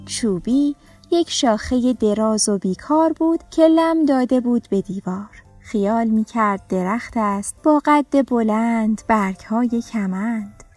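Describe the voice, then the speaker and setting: A woman narrating a children's story in a gentle, clear storytelling way. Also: fairly high pitch, no echo. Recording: dry studio with soft music.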